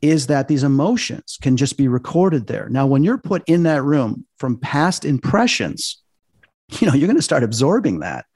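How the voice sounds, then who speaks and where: A man's voice: medium pitch, very animated, moderate pace, darkish tone, breathy edge, no room sound, studio quality. Earnest man telling ghost stories. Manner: earnest storytelling, explains theories at length. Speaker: paranormal investigator guest. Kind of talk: casual podcast chat.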